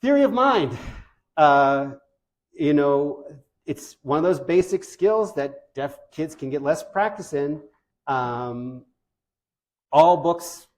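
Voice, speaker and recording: An eager male presenter talks with parents in a relaxed, conversational way, piling praise on whatever he shows them. His voice sits at a middle pitch, with loose, chatty phrasing throughout. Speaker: presenter for parents of deaf children. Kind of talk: informal presentation to families.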